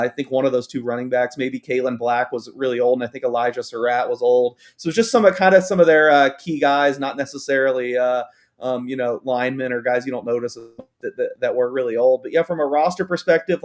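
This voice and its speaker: A man's voice: medium pitch, darkish tone. A man in a middle register talks through betting lines on a sports show. He hedges his way along, filling gaps with ums and repeating words as he thinks. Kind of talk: casual sports talk.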